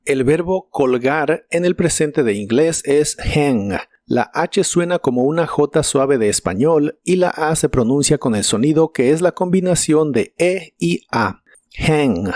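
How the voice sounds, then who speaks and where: A man teaching English vocabulary in a scripted lesson, modelling each word slowly and carefully. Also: a little high, a little mellow, no echo, studio quality. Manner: slow, careful model pronunciations.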